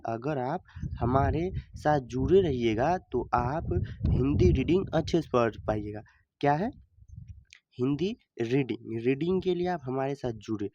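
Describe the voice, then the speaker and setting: Man slowly sounding out a reading lesson. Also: medium pitch, dark tone, dry recording, lo-fi sound. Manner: explains by asking and answering his own questions. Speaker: Hindi reading teacher. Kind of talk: slow teaching lesson, sounding out letters.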